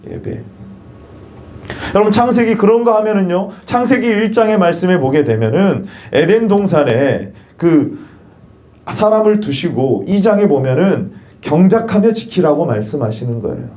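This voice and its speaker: A male pastor with a high, expressive, warm voice preaches a sermon in church at normal speed. He poses questions and leads the congregation in repeating phrases.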